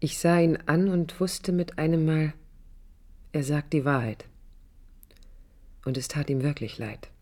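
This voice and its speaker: As first-person narrator and lead of a 1980s East German radio play, a woman voices an idealistic young architect, reflective yet stubborn and defiant, in an introspective monologue. Her low, slightly mellow voice stays steady and a little slow, with long pauses. The mood is wistful, the delivery intimate, thoughtful and earnest, sometimes near a whisper.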